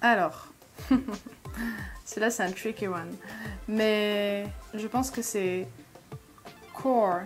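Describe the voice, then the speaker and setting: A woman's voice: mid-range voice, fairly even intonation, slow pace, pauses often, faint music behind. A woman hosting an English-learning channel, giving reaction commentary, explaining pronunciation step by step and thinking aloud as she sounds out words.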